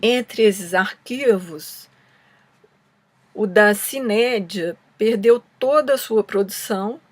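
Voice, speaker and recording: Slow-paced Brazilian woman reading an explainer. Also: medium pitch, dry recording. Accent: Brazilian Portuguese. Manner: measured reading with occasional stumbles. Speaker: presenter answering a film student's questions. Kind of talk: scripted explanatory narration.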